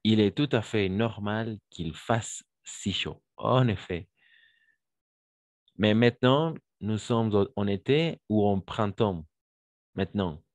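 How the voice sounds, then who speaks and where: Slow, deep-voiced French teacher. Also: male voice, no room sound. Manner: patient, repeats forms slowly and praises students. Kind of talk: online French grammar lesson.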